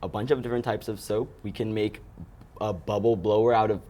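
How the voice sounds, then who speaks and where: A teenage boy from Ethiopia, a student guest in an interview, talking eagerly and quickly with many restarts. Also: lowish voice, steady tone, warm tone. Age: teens.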